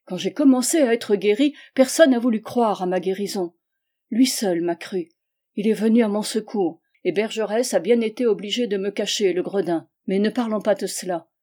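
A woman voicing a nervous husband just released from an asylum, speaking in jerky, agitated bursts that climb to loud cries. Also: mid-range voice, moderate pace, close to an everyday voice.

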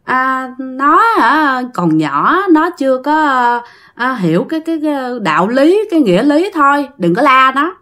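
An aloof old exorcist master talks slowly and flatly in a Southern Vietnamese accent, as a woman storyteller voices him. Each line comes out matter-of-fact and unhurried, in a voice pitched fairly high for a man. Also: full character voice. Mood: calm, aloof.

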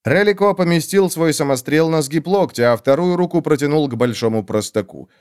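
A man narrating a fantasy audiobook with an expressive reading. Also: on the high side, brisk, smooth.

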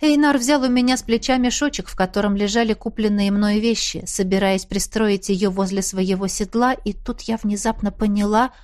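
A woman's voice: mid-range voice, steady tone, normal speed, hardly any pauses, a little mellow. A woman reading a fantasy romance audiobook in the first person, with an emotional, urgent manner. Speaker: audiobook narrator.

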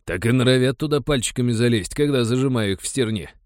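A man's voice: medium pitch, fast talker, a little mellow, no echo, clean studio sound, voice pushed up, close to an everyday voice. A man voicing a lazy, boastful male warrior in an audiobook.

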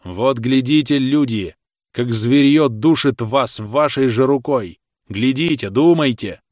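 Guy doing a stubborn peasant man, loud and accusing, slow heavy words, dry sound. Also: medium pitch, no echo, natural voice. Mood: defiant. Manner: forceful, accusing, raised voice.

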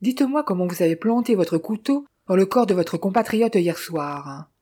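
A narrator with a medium-pitched, dark-toned voice speaks animatedly at a moderate pace, lightly acting an audiobook character. He voices a coarse, bullying police captain who blusters and talks sarcastically.

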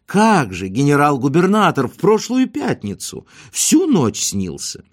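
A man voicing a smooth, self-assured male con man, speaking in a breezy, good-humoured way. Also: fairly high pitch, huge pitch swings, measured pace, pitched above the performer's own voice, heavily acted.

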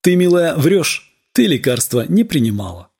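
A man's voice: fairly high pitch, big pitch swings, moderate pace, a little mellow, faint music behind, pitched above the performer's own voice. A man voicing a stern older country medic who speaks curtly. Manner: stern, curt.

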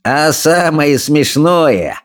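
A cocky Viking bully boy jeers and hisses threats in a storybook, put on by a male narrator. The voice sits much higher than the reader's own and drips with mockery. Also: expressive, very slow. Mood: mocking. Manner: mocking, hissing threats. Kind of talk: audiobook character voice.

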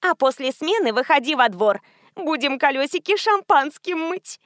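Woman voicing a shrill brash plump girl. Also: lively intonation, moderate pace, dry recording, studio quality. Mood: excited shouting. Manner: shouting, shrill. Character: plump young brunette woman, loud and brash.

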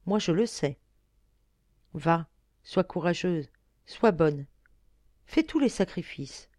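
A woman reading the part of a young mother, speaking softly and tenderly to her older sister. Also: lowish voice, lively intonation, takes it slowly, no echo, clean studio sound. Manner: soft, coaxing.

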